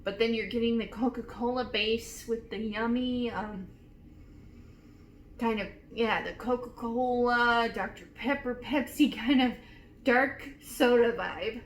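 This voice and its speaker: A woman in her twenties casually reviewing perfumes, gushing and emotional with drawn-out emphasis. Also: a little high. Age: 20s. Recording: echoey room with faint noise.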